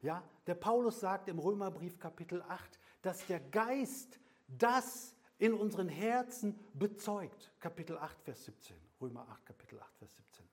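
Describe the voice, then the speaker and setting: Older guy preaching slow, voice rises loud then drops to a whisper, kinda high and very animated. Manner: swings between loud emphatic and soft whispered passages; slow, deliberate delivery with repeated phrases. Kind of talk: sermon.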